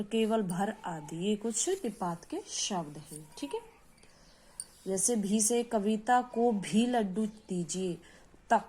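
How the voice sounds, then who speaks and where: Lady teacher going through grammar really slowly, keeps asking the class questions. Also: mid-range voice, darkish tone. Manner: slow, patient explaining with frequent check-in questions. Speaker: school teacher. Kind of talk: grammar lesson.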